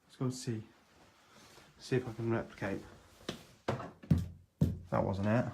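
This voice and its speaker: A man's voice: on the low side, fairly even intonation, measured pace, background noise. A man chatting casually on a ghost-hunting live stream, explaining things in a conversational, sceptical way.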